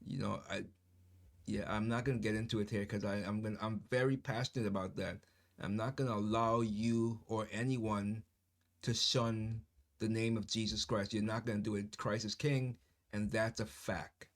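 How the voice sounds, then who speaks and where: A man's voice: on the low side, level tone, moderate pace. A man giving solo political commentary to his viewers, speaking passionately, with emphatic, repetitive phrasing. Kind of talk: casual solo commentary to camera.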